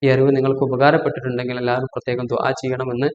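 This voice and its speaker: A man's voice: medium pitch, little pitch movement, rapid-fire, a little mellow. A man giving a religious instruction talk as a preacher. He asks himself rhetorical questions, answers them, and keeps reminding listeners to pay attention. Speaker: Islamic preacher. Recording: echoey, dull lo-fi audio.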